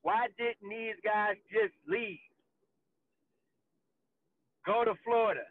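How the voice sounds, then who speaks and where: A man's voice: high-pitched, slow pace. Ranting man on a tinny call line. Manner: animated, ranting, profane, mocking voices. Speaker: podcast co-host. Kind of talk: casual chat over video call. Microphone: video call. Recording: tinny phone-like video call line with faint noise.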